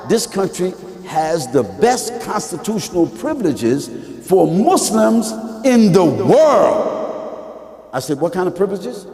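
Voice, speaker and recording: Male preacher, high voice, fiery and conversational, quiet-to-shouting swings, roomy echoing hall. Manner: emphatic, rhetorical questions to the audience; casual vernacular grammar. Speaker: Islamic preacher. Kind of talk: mosque lecture. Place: large Islamic center hall. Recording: echoey hall from some distance.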